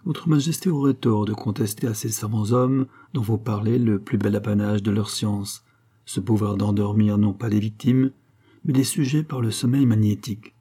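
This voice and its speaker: A man reading a calm dignified doctor. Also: fairly low pitch, breathy edge. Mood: composed. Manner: calm, measured replies. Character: calm proud male doctor, dignified, composed.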